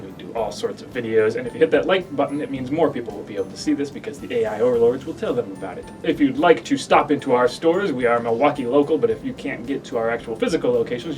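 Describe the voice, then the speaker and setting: A man's voice: mid-range voice, far from the mic. A man hosting a board game show, chatting casually at the table.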